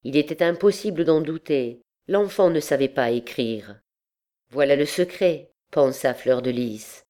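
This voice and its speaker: Low, mellow woman reading aloud. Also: measured pace. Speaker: audiobook narrator. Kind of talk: scripted narration.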